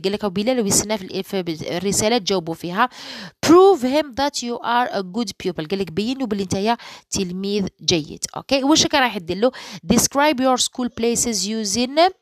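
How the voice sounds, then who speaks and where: A woman English teacher with an Algerian Arabic accent, going through an exam solution in dialect and slowly reading the English sentences, and often asking "okay?". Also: mid-range voice, lively intonation, no room sound. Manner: slow, careful reading of English sentences, then explaining in dialect; keeps checking with "okay?".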